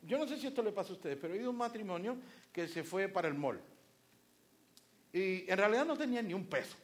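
A man preaching a sermon in a lively storytelling way, with sudden shouts for emphasis. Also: sits high, fast. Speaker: pastor.

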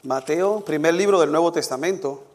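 A male pastor preaching a sermon, reading scripture aloud and praying, climbing to high emphatic peaks and sinking low and soft in prayer. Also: normal speed.

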